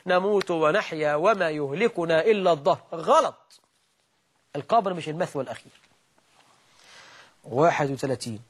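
A man with an Egyptian Arabic accent preaching a religious lesson, emphatic and full of rhetorical questions that repeat and mock the errors he corrects. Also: high-pitched.

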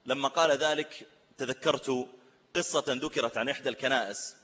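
A man preaching a sermon, telling stories in an animated way and asking rhetorical questions. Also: mid-range voice, fairly quick, long reverb tail, dull audio. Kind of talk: sermon with storytelling.

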